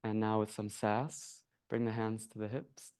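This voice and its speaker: A man teaching a yoga class, calmly guiding breath and movement. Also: fairly low pitch, measured pace, smooth. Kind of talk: guided yoga class instruction. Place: yoga studio.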